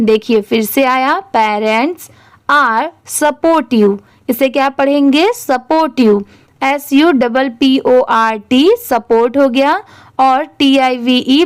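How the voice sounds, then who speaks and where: A young woman teaching English reading, spelling each word out letter by letter slowly and clearly. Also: sits high.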